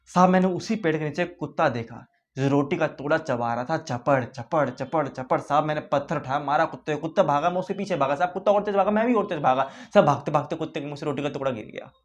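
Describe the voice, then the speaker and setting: A man's voice: on the high side, quick pace, lightly acted. An actor playing a poor young man who pleads with a sir about a childhood of hunger, in an audition monologue. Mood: grief-stricken. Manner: pleading, addressing a sir again and again.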